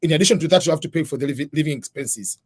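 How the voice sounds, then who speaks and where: A man's voice: on the high side, rapid-fire, darkish tone, breathy edge. Methodical man explaining step by step. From Tanzania. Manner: methodical, breaks topics into numbered points. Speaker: guest, scholarship advisor. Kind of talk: explanatory interview talk.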